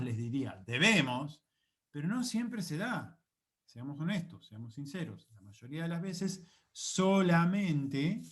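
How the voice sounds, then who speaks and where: A man with an Argentine Spanish accent explains a lesson to camera, a little higher in voice than most men. He talks in a chatty, patient way and voices his own example questions with rising tones. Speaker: English teacher.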